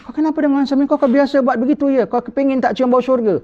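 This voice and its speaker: A man voicing a stern mother scolding her daughter with sharp questions, recorded lo-fi. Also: very high-pitched, fairly even intonation, fast talker, pitched above the performer's own voice. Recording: dull lo-fi recording.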